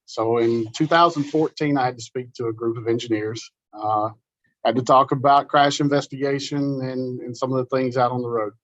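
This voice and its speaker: A man's voice: mid-range voice, moderate pace, no room sound. Man, middle-aged, folksy storyteller, conference talk, dry muffled recording. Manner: animated, folksy storyteller, repeats words. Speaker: conference presenter. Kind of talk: informal conference talk with a told joke. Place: meeting room.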